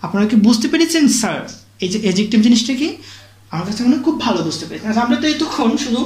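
A woman's voice: fairly high pitch, very animated, a little mellow. A woman teaching an English grammar lesson, who keeps asking questions and answering them herself and checks in after each point. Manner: slow, drawn-out English example sentences. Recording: echoey room.

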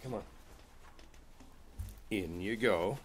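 In this ASMR roleplay, a male audio performer speaks softly and without hurry as a reassuring musician boyfriend helping his partner fall asleep, his mood soothing and coaxing. His voice is on the low side, set against constant rain ambience.

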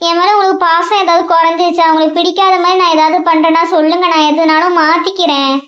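A woman voicing a very high-pitched cartoon schoolboy. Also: little pitch movement, fast talker, a bit bright. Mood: hurt. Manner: pleading and hurt. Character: earnest young schoolboy son, eager to help. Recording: dull, echoey lo-fi sound.

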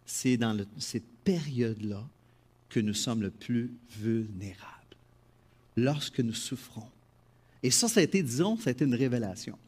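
A middle-aged man with a Quebec French accent preaching a sermon to his congregation, animated and swinging between loud emphasis and quiet asides. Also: medium pitch, normal speed, slightly rough. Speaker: pastor.

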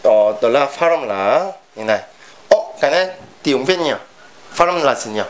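A man's voice: medium pitch, animated, normal speed, a little hiss or hum. A Korean man with a Korean accent teaching pronunciation in a lesson, modeling sounds over and over. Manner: drills sounds with repeated modeling.

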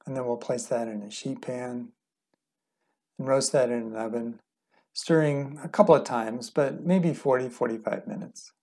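Gravelly, husky-voiced man teaching cooking. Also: mid-range voice. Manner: relaxed, unhurried, plain-spoken. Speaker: cooking instructor. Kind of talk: calm step-by-step cooking demonstration. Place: home kitchen, indoors.

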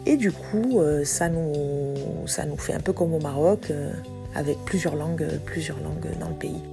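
With a low, gravelly voice at a moderate pace, this singer-songwriter from France, in her forties, talks casually over her music clips. Her commentary wanders and is full of hesitations, with music running under her speech.

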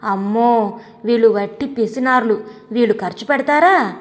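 A woman's voice: on the high side, moderate pace, long reverb tail, lightly acted. A woman voicing a bossy, talkative middle-aged sister-in-law in an audio storybook, pushing and nagging. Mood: scheming. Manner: pushy, nagging persuasion.

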